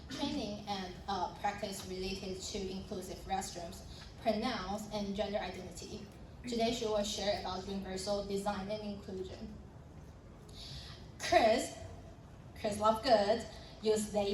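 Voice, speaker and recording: A young woman from Taiwan introduces a panel in a friendly way, with fillers and light laughs. She is picked up from a distance in a roomy hall, with steady background noise underneath. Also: medium pitch. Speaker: panel moderator.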